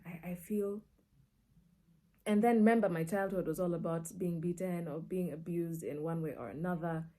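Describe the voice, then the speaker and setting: In a low, mellow register, a storyteller from the Kenyan media scene recounts her own experiences casually, dropping in Swahili. She brings the stories alive by acting out what people said and how they reacted.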